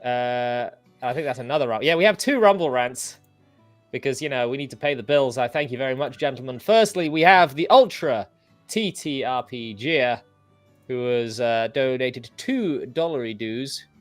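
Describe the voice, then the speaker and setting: A man's voice: mid-range voice, moderate pace, no echo. An English man hosts a casual livestream, rambling and self-deprecating as he restarts his sentences. His voice sounds dry and close to the mic. Faint music plays behind him. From England. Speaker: host.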